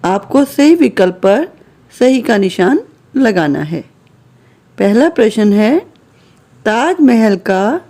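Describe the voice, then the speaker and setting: A woman teacher with a warm, mid-range voice slowly walks young pupils through their workbook answers. She patiently reads each word out one at a time.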